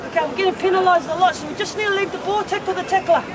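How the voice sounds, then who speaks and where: Fast, very high woman in halftime pep talk. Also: steady tone, a crowd in the background. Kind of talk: halftime pep talk, quick tactical instructions. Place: outdoor sports pitch in a city. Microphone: distant handheld camera. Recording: outdoor field, loud ambient noise and voices.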